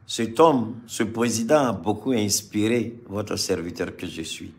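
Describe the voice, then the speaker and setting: Fairly low in pitch and a little slow, a Malian man delivers passionate political commentary before a live audience. He leans on repetition for emphasis and alternates between loud and quiet passages.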